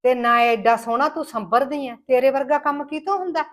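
A woman's voice: sits high, normal speed, a bit bright. A woman as a nagging village mother-in-law. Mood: remorseful. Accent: Malwai Punjabi. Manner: scolding, rustic and emphatic. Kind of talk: comic village skit.

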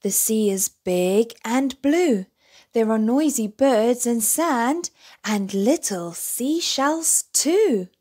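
A gentle father bear from a picture book, calm and reassuring as he explains things slowly, read by a woman storyteller. His voice is kindly and unhurried, only a little apart from the narration. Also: a little high, close to an everyday voice. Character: patient, cheerful father bear.

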